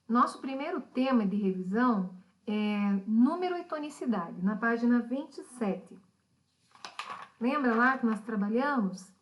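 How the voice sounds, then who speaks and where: Patient schoolteacher, higher voice. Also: female voice, fairly bright tone. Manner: patient, explanatory, asks pupils questions. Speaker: teacher. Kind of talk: recorded remote lesson.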